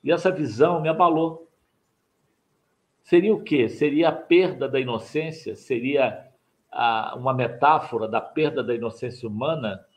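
A man's voice: medium pitch, normal speed. An older man teaching writing in a live online mini-lesson, explaining his points step by step and repeating them, recorded through a webcam in a home study. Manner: didactic, repeats key points, asks viewers to like and subscribe.

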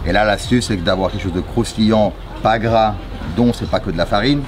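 A man's voice: fairly low pitch, fairly quick, faint music behind. A man in his forties from Geneva, a chef explaining his dishes with enthusiastic detail on an outdoor restaurant terrace. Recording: outdoor city traffic noise.

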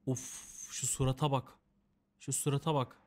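Man, let's-play commentary, joking, chatty, mock-dramatic grumbling, average pitch. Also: level tone, a little slow, darkish tone. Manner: joking, chatty, talks to game characters. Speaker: gameplay commentator.

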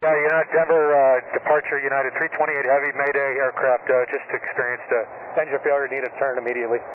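An airline pilot making terse, clipped radio calls from the cockpit, with some hesitations. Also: male voice, medium pitch, flat delivery, fast talker. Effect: cockpit radio transmission. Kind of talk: air traffic radio calls. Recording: tinny radio line with loud static.

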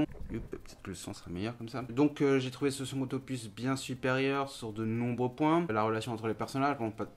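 A man giving a casual, hesitant film review, full of fillers and restarts. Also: mid-range voice.

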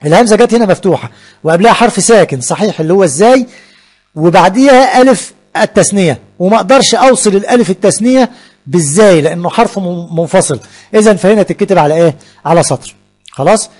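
Egyptian male teacher, quick delivery, drawn-out examples, lively classroom style. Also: high-pitched. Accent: Egyptian Arabic. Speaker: Arabic teacher. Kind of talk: classroom grammar lesson.

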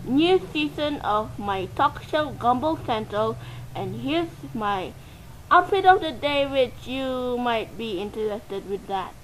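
A woman voicing a cartoon boy cat who hosts a slow, chatty fashion update in a fan-made dub. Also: on the high side, lively intonation, a little hiss or hum, rough recording. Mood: upbeat. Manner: slow, chatty host reading shout-outs.

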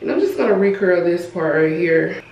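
A woman's voice: fairly low pitch, moderate pace, vocal fry, lo-fi sound. A young woman in her twenties chatting casually to the camera at home for her vlog. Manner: relaxed, chatty, talking straight to camera. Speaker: vlogger. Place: bedroom at home, indoors.

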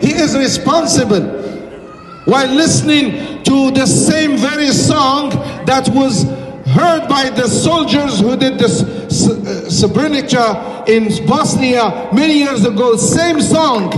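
The speaker is a middle-aged imam with a very high voice, addressing a vigil in a crowded city square outdoors in an urgent, preacherly manner that builds to shouting. He uses a handheld mic through a PA, and the phone recording from within the crowd picks up distant, echoey sound and crowd murmur.

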